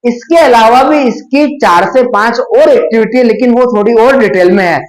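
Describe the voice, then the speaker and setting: A man teaching a phonics lesson, explaining step by step and slowly sounding out letters and words. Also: very high voice, echoey room, rough recording.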